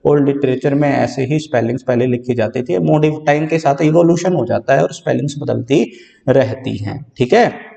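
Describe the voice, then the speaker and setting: Gravelly man teaching in an echoey room. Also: mid-range voice, normal speed, dark tone. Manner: explains step by step, repeats key words, frequent "theek hai". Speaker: English teacher. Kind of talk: exam-prep lecture. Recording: distant mic in a reverberant room.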